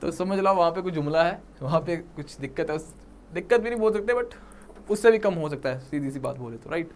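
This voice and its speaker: In an exam-prep vocabulary lecture, a Punjabi-accented man speaks in a voice on the high side, mixing Hindi and English. He repeats words slowly to stress them and keeps checking in with "ठीक है?" and "right?", with slight background noise.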